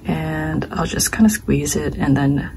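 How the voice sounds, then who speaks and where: A young woman walks viewers through a crochet pattern, calmly counting stitches as she works. Her voice sits low with a gravelly fry and a touch of hoarseness. A faint hiss runs under the recording. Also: unhurried, rough recording. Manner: calm, talks while working, counts stitches aloud. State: slightly hoarse. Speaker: crochet instructor. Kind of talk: step-by-step craft tutorial.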